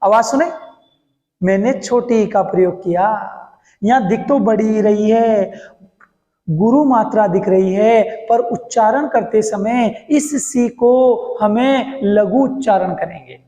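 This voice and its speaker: A male Hindi teacher teaching verse meter, who recites lines slowly, then explains quickly and keeps asking his students questions. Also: sits high, warm tone. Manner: quizzes students with questions, then answers himself. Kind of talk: classroom lesson on poetic meter. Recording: echoey hall.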